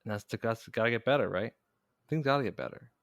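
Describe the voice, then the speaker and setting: A man's voice: mid-range voice, fast talker, dry recording, studio quality. A man co-hosting a casual podcast, incredulous and laughing, repeating phrases in disbelief. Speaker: podcast co-host. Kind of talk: casual chat.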